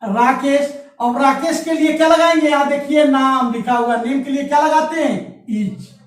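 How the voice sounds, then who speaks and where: A man's voice: very high voice, normal speed. A male teacher giving a grammar lesson, asking questions and answering them himself, and dictating example sentences word by word. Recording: echoey room, voice from far off.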